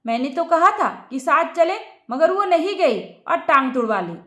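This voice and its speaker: A woman voicing an angry, sharp-tongued young wife who shouts accusations. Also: sits high, sing-song, normal speed, echoey room.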